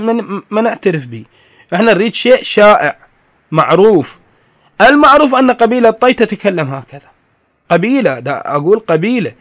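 A man teaching grammar, patiently explaining and repeating key terms to his students. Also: high voice. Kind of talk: classroom lecture on grammar.

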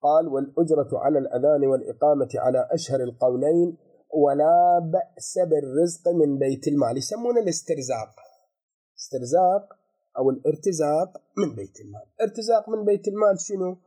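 A middle-aged man, giving a seminary lecture on a legal text and explaining slowly with repeated terms and restarts. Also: a little high, lively intonation, dark tone. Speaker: religious law teacher.

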